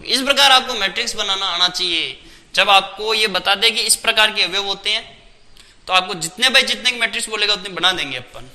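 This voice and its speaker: A man's voice: sits high, pushed and bright, big-room sound. A man teaching a maths lesson step by step, asking questions and answering them himself.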